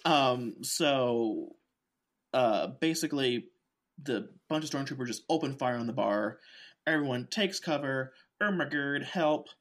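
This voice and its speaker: A man's voice: mid-range voice, measured pace. A man co-hosting a podcast, casually recapping with wry asides and many fillers. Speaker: podcast co-host. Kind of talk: casual chat.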